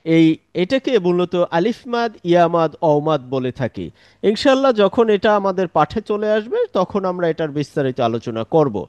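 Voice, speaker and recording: A man with a fairly high voice leads an online Quran lesson. He patiently explains each letter's point of pronunciation and calls the sounds out one at a time. The recording is close and dry, with no room sound. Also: darkish tone, no room sound. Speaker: Quran teacher.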